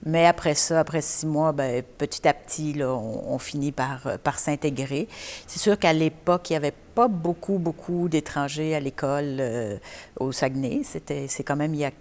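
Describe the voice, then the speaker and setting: A woman in her fifties from Belgium, a guest in a theatre lobby interview, talking haltingly with many fillers and restarts. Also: sits low, a little mellow. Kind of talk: casual interview.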